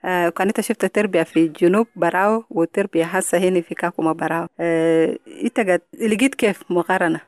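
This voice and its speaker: A woman's voice: fairly low pitch, fast talker, a little mellow, no room sound. A woman interviewing people, asking questions that she often opens with the same stock phrase.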